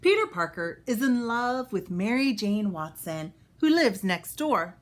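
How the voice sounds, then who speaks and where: Her voice sitting in the mid range, a woman narrates a children's story with expressive delivery, breaking off at times to explain things for the little ones listening.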